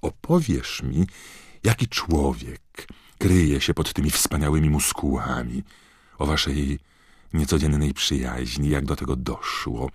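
A man's voice: extremely low pitch, a little slow, husky, no room sound, studio quality, heavily acted. A man voicing a scheming, fawning female gossip reporter in an audiobook, pushy and sly. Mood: wheedling. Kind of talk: audiobook character voice.

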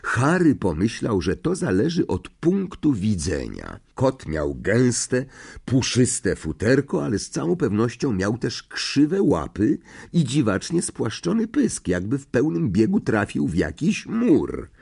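Husky, expressive male audiobook narrator. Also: medium pitch, measured pace. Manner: expressive, varied storytelling. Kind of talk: scripted narration.

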